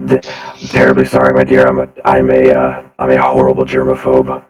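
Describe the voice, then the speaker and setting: A flat robotic lord. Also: male voice, extremely low pitch, over loud music, pitched below the performer's own voice. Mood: stiffly courteous. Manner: courtly, hesitant, halting speech. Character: monotone robot lord posing as a human noble. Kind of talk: in-character tabletop roleplay.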